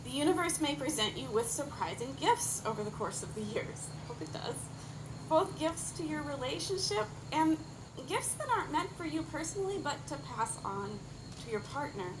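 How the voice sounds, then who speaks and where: A woman officiant giving a wedding speech with deliberate, emphatic phrasing and light humour. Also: sits high, sing-song. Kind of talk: wedding ceremony speech with advice. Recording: clear insect and outdoor background noise.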